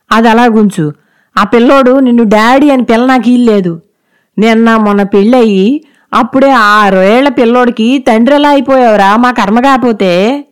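A woman voicing an old village mother-in-law who scolds loudly in rustic speech. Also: fairly high pitch, clear, resonant tone, voice pushed up, natural voice.

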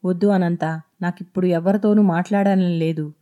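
A young woman student, anxious and worn down, answers in a listless, weary way, as a woman narrator reads her. The tone is mellow and subdued. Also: fairly low pitch, fairly even intonation, fairly quick, lo-fi sound, lightly acted.

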